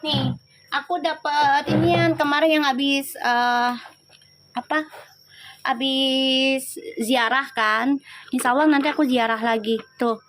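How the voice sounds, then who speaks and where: A woman's voice: sits high, steady tone, slow, pauses often, fairly bright tone, soft background music. A woman reading tarot on a livestream, chatting in slang and teasing her viewers. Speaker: tarot reader.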